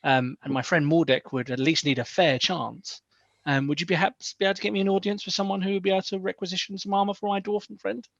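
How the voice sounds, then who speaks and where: In dull, lo-fi close audio with no echo, a man improvises a courteous, diplomatic elf at a tabletop game, using polite, formal persuasion. His voice sits high and creaky, holding a steady tone as he talks fast, a smooth-talking negotiator through and through.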